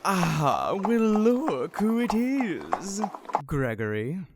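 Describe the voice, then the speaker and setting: A woman's voice: fairly low pitch, very animated, noisy background, full character voice. A woman playing a pompous, gloating male rival knight in a comedy film, sneering and mocking. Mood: smug gloating. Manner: gloating, mocking, drawn-out taunts. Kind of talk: comedic film character acting.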